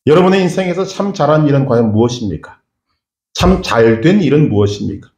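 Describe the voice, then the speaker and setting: A man's voice: medium pitch, a little mellow, echoey room. A middle-aged male pastor preaching a sermon in a church, earnest and asking the congregation questions. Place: church sanctuary.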